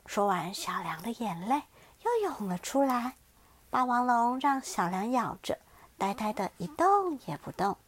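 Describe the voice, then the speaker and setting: A woman gently reading a bedtime story aloud as the storyteller, expressive and close to the mic. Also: on the high side, unhurried.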